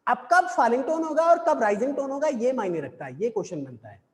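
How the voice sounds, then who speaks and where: A man with a very high voice teaches a class, explaining patiently and repeating example sentences several times. His voice rings in a hard room with a long, echoing tail. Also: big pitch swings, fast. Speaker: school English teacher. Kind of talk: classroom lesson on intonation. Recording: echoey room with long reverb.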